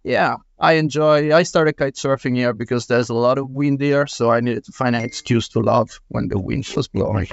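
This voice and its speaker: A man with an Italian accent, a guest on a podcast panel, talking casually and hesitantly with frequent pauses. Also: mid-range voice, vocal fry, slight background noise. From Italy. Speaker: guest, product manager. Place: podcast room. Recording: slightly muffled podcast recording.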